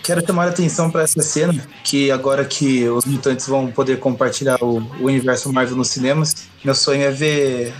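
A man's voice: medium pitch, fairly even intonation, fairly quick, few pauses. A man co-hosting a casual comic book review podcast, narrating the scenes and laughing along. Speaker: podcast co-host.

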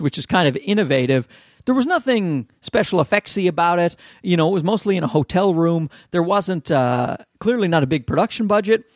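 A man's voice: a little high, no echo, clean studio sound. A man with a Newfoundland accent doing a casual solo podcast rant, rambling, self-deprecating and sweary. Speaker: podcast host and amateur comedian.

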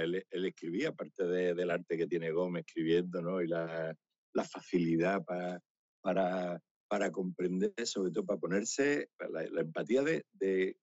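A man, a romancero performer telling anecdotes in a chatty, animated way and laughing often. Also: sits low, no echo. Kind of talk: casual interview storytelling. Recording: slightly dull, dry radio recording.

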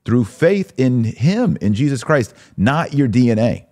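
Here the man hosting the religious podcast has a medium-pitched, sing-song voice that is a little mellow and measured in pace. He offers preaching commentary in an emphatic, exhorting style, asking rhetorical questions.

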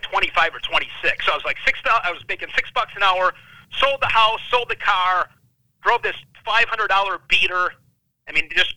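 A high-strung man in his thirties with a high, very bright voice tells his story as a podcast guest. He talks intensely and animatedly, recorded dry and close. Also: dry recording, low-quality recording. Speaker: wrestling analyst, guest.

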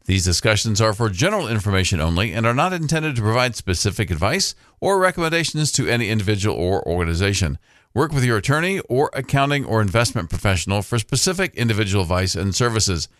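Male radio host for scripted legal disclaimer read, fairly low pitch, dry sound. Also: very animated, fast, fairly bright tone, no echo.

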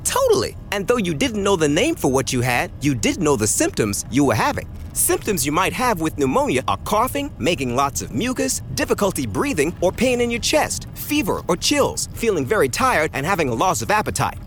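Wildly animated young cartoon hero guide. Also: female voice, lowish voice, a little fast, hardly any pauses, soft background music. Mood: upbeat. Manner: enthusiastic, explanatory. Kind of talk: educational cartoon narration.

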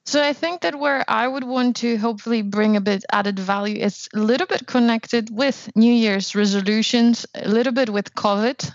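A woman's voice: fairly high pitch, moderate pace, hardly any pauses, no room sound. Academic woman on a podcast, keeps asking "right?", dry muffled sound. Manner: thoughtful, hedging with "right?" and "you know". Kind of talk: casual academic discussion.

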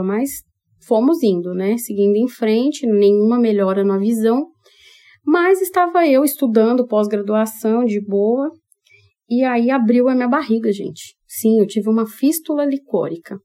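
A woman's voice: mid-range voice, warm tone. A woman with a Brazilian Portuguese accent hosting a podcast, telling a personal story candidly and expressively, speaking straight to her listeners. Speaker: podcast host.

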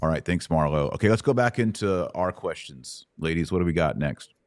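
Low-pitched and animated, this middle-aged American host answers Bible questions in a conversational religious Q and A, talking a little fast. He walks through each point step by step and checks in with quick questions. There's no echo.

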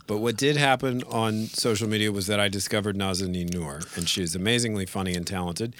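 A man chatting on a podcast with a fairly low voice. He tells stories with flair, leaping up in pitch when acting out what people said. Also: fairly quick. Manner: animated storyteller, acts out quotes with big pitch jumps. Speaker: podcast co-host and audiobook narrator. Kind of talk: casual chat.

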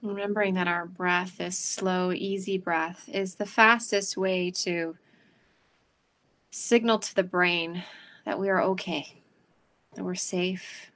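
A woman guiding a meditation in a slow, calm, soothing way, pausing between phrases. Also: on the low side. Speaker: meditation guide. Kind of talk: guided meditation.

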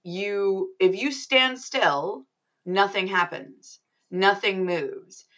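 A woman's voice: mid-range voice, drawn-out words, fairly bright tone, lo-fi sound. A woman hosting a casual gaming podcast, chatty and upbeat with frequent ums. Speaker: podcast host.

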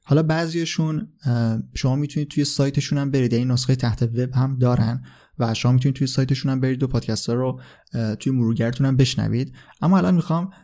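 Male podcast host, warm low-toned delivery, relaxed and hesitant, filler-heavy. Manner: relaxed, frequent "uh" fillers, unsure of foreign names. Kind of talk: casual explanatory talk.

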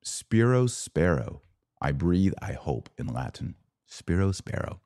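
Low and dark in tone, this American man speaks slowly with a sing-song quality. As a podcast host and religious commentator, he offers live religious and political commentary that is emphatic and preachy yet conversational.

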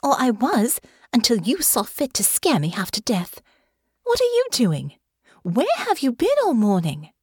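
A woman's voice: a little high, huge pitch swings, unhurried, husky, no room sound, studio quality, voice pushed up, heavily acted. A woman voicing a polite, proper young noblewoman who speaks in a courteous way.

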